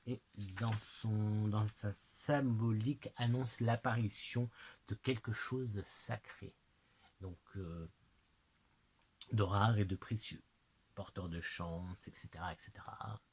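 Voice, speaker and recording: Male host, lowish voice, unhurried and hesitant, talks straight to the viewer while showing cards. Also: steady tone, a little hiss or hum, low-quality recording. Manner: hesitant, halting, addresses the viewer directly. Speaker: oracle card presenter. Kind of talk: casual oracle card unboxing chat.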